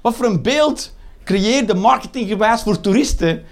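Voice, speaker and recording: A man's voice: sits high, expressive, moderate pace. A Flemish man in his thirties doing a sarcastic, swearing stand-up rant. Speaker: stand-up comedian.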